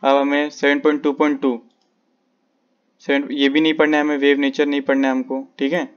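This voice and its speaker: A man's voice: on the high side, completely flat delivery, fairly quick, clean tone, muffled recording. A male physics teacher, walking students through which textbook sections to skip, repeating page numbers and instructions over and over. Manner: repetitive, instructive, page-by-page directions. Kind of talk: syllabus walkthrough lesson.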